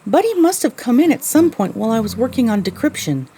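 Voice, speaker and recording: Speaking fast in a fairly high voice, a woman plays the lead and narrator of an audio drama: a young female pony, a sarcastic, worn-out survivor of the wasteland recounting her story. She sounds theatrical and expressive, with a little hiss or hum in the audio.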